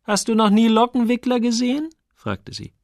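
A man voicing a curious, teasing grown woman with a light, unhurried way of talking, in an audiobook. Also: very high voice, steady tone, pitched above the performer's own voice.

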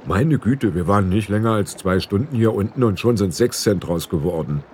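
A man's voice: on the low side, lively intonation, normal speed, a little mellow, a little hiss or hum, close to an everyday voice. A man voicing a daft, fretful little blue fairy man who sounds flustered.

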